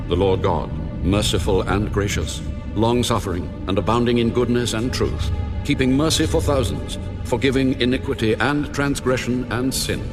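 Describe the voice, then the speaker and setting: An actor playing God as a solemn, commanding lawgiver in a dramatized audio Bible, declaiming with authority. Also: male voice, medium pitch, natural voice. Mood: solemn proclamation.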